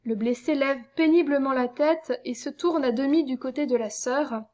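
A woman reading a story aloud in measured, solemn narration. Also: high voice, darkish tone. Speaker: reader. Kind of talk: audiobook narration.

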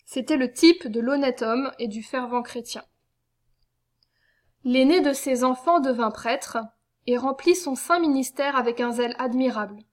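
A woman reading a story aloud in measured, solemn narration. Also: sits high. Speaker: reader. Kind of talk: audiobook narration.

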